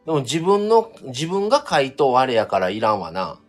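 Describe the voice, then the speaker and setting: A man's voice: medium pitch, big pitch swings, normal speed, faint music behind. A man from Kobe with a Kansai accent, co-hosting a casual couple's live stream in an easygoing, explanatory way. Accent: Kansai Japanese, Kobe dialect. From Kobe, Japan. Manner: easygoing, explains dialect differences with examples.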